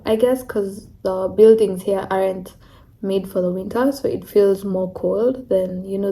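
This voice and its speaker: A woman's voice: mid-range voice, mellow, poor audio. A young woman from Kenya, talking candidly in a casual vlog, with lots of "like" and "you know". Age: young adult. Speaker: international student vlogger.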